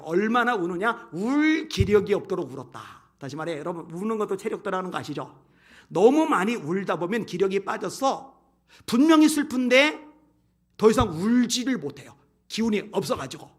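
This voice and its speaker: A man preaching a sermon, reading scripture and retelling it in lively, animated speech that swells and drops for emphasis. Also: high-pitched. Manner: animated preaching, voicing biblical complaints with rising intensity. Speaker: pastor.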